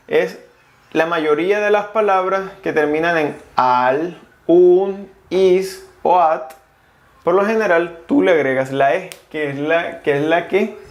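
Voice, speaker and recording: In a roomy-sounding recording, a man whose voice is a little high teaches French casually on video. He breaks grammar rules down step by step and spells out individual letters.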